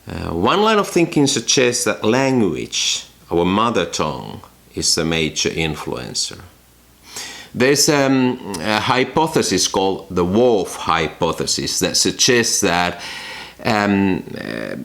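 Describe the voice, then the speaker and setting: Speaking thoughtfully to camera from a room in his home, a Finnish man with a Finnish accent hosts a photography channel. He often pauses with ums and restarts, and his voice is fairly low in pitch yet fairly bright in tone.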